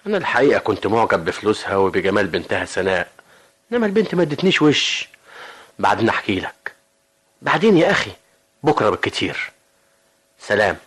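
A man playing a scheming, rude husband in a vintage radio drama, talking quickly and scornfully with a husky voice. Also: fairly low pitch, big pitch swings, fairly bright tone, full character voice. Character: scheming middle-aged husband, rude and sly.

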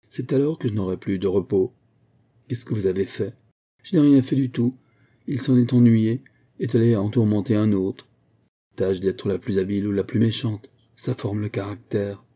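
A man's voice: on the low side, dark tone, close to an everyday voice. A man doing a cranky old Italian singing master. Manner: exasperated, scolding.

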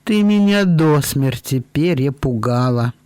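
A man reading aloud, voicing a kindly, lonely elderly lady who speaks slowly and deliberately. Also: fairly high pitch, lively intonation, dark tone, smooth, no room sound. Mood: tender, shaken. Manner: slow, deliberate, drawn-out speech.

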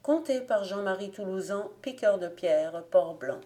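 A woman reading a folk tale aloud in a calm, measured audiobook narration. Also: mid-range voice. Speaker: audiobook reader. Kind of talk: scripted narration.

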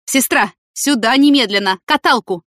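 A middle-aged male head of a maternity ward, voiced by a woman narrator, firm and brisk like a doctor on rounds. He is read in close to her own register, with no deepening of the voice. The recording is dry and close. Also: expressive, dry recording, close to an everyday voice.

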